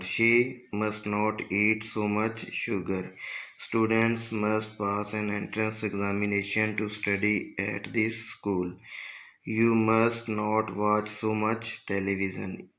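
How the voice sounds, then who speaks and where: Low, flat-voiced grammar teacher. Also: male voice, low-quality recording. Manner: reads English sentences slowly, then explains rapidly in Urdu-Hindi. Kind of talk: exam-prep grammar lecture.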